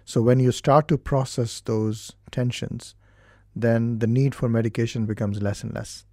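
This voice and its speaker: A man with an Indian accent explains his work slowly and carefully, with frequent pauses. His voice is gravelly and mellow, recorded dry and close in a studio. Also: medium pitch, steady tone, no room sound. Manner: measured, explanatory, with hesitations. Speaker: doctor and therapist. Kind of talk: studio interview.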